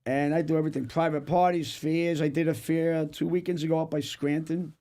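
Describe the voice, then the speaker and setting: A middle-aged man with a strong Brooklyn accent and a high-pitched voice. He talks casually and jokingly, like a guest swapping stories, and often doubles back on his phrases. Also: a little fast. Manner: animated, joking, repeats himself. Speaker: guest, actor and magician. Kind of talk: casual chat.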